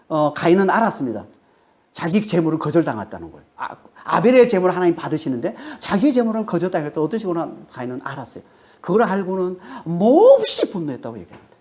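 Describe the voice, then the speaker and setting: A woman's voice: low-pitched, a little mellow. A woman pastor preaching a sermon, emphatic, and she keeps prodding her listeners with questioning tags. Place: church sanctuary.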